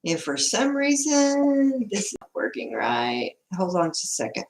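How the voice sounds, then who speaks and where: A woman's voice: medium pitch, big pitch swings, unhurried. A woman with a Southern US accent chatting casually and folksily as the host of a home livestream. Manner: folksy, informal. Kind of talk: casual live-stream chat, greeting viewers. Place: indoor room at home. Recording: echoey room, laptop livestream.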